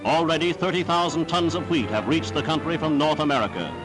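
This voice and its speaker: A man's voice: on the high side, brisk, music in the background. A man reading scripted 1940s newsreel narration in a formal, declamatory manner on a period soundtrack.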